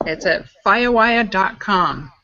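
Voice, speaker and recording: A woman's voice: medium pitch, expressive, a little slow, sharp tone. Upbeat chatty woman on a lo-fi call. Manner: chatty, upbeat, explains as she works. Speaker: guest e-juice maker demonstrating coil builds. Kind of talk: casual live-stream chat.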